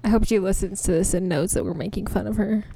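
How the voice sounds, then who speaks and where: A woman's voice: mid-range voice, steady tone, quick pace, gravelly, mellow, slightly rough, no room sound. Wry female podcast co-host. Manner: wry, skeptical, laughs often. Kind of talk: casual banter.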